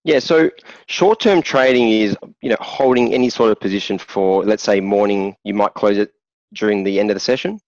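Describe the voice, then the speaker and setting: A man, a day trader, explaining his trading in a relaxed interview chat. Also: fairly low pitch, normal speed, no echo, highs cut off.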